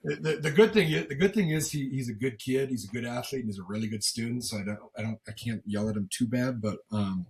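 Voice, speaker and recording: A middle-aged man with a gravelly smoker's rasp chats casually as a sports interview guest, often repeating words as he goes in a folksy, self-deprecating way. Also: mid-range voice, quick pace, hardly any pauses. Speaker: football commentator and former coach, as guest.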